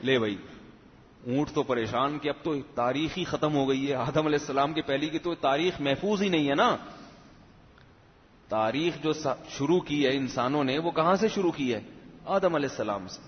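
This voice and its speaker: Male preacher telling a parable, conversational, higher-pitched voice, dull lo-fi recording. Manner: conversational, asks the audience questions. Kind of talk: sermon with storytelling. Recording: echoey hall, dull lo-fi sound.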